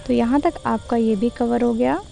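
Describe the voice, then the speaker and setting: High, mellow-voiced woman tutor. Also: steady tone, creaky, rough recording. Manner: mixes Hindi and English, reads quoted English lines slowly. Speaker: teacher-training tutor. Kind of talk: explaining a lesson plan to students. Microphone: voice-over for screen slides.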